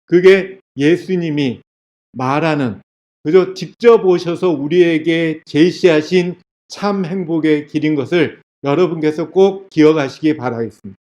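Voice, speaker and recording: An older male church elder gives a sermon lecture in a higher-than-usual voice. He keeps turning to his listeners with questions as he retells a story, and he slips into dramatic voices for the people in it. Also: darkish tone. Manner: asks the audience questions and acts out quoted voices.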